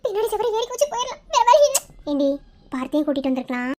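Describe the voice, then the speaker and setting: A fast, very high-pitched voice for an anxious young college girl, as a woman voices her in a cartoon love story. She quips at her friend and begs strangers for help in a rush. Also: big pitch swings, very noisy. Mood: teasing. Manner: teasing with her friend, then pleading and tearful. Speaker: lead character in an animated love story. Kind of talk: Tamil cartoon voice acting.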